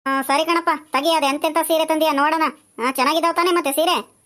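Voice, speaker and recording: Woman as a bossy village woman, high voice, nagging banter, comedy skit. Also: steady tone, fast, a bit bright. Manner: nagging, teasing back-and-forth chatter. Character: chatty, bossy village woman shopping for saris.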